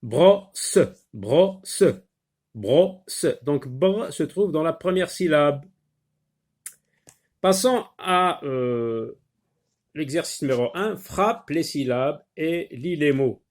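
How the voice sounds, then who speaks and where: A male teacher giving a phonics lesson for young children, repeating each word several times and pausing with frequent hesitant fillers. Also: on the high side, animated.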